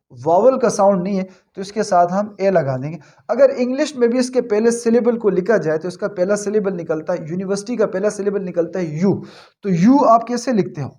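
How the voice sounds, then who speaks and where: High-voiced man teaching grammar. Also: darkish tone. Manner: patient, repeats points, checks understanding. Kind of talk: explaining a grammar lesson.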